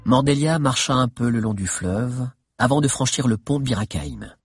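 Husky male audiobook narrator. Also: medium pitch, normal speed, dry recording, soft background music. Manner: expressive, lively storytelling.

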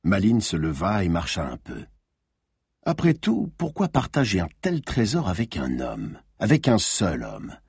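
A man narrating a novel as an audiobook, with expressive storytelling. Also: deep voice, unhurried, gravelly, breathy edge, no room sound, clean studio sound.

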